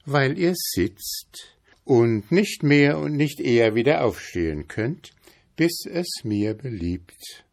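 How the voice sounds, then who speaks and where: A man's voice: medium pitch, expressive, slow, gravelly, a little mellow, pitched above the performer's own voice. A man voicing a clever young male journeyman in a read-aloud fairy tale, speaking in a politely mocking, sly way.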